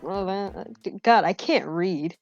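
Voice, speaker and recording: A woman's voice: on the low side, slow pace, highs cut off, faint music behind. A sweary, laughing woman chatting casually and stumbling as she reads game lines aloud.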